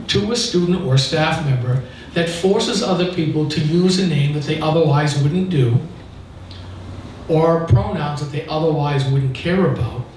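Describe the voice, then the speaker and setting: At a local political meeting, an American activist gives an informal talk, recounting an anecdote in an emphatic, indignant, explanatory way with a fairly high voice. He's recorded from a distance in an echoey indoor meeting room, with faint noise.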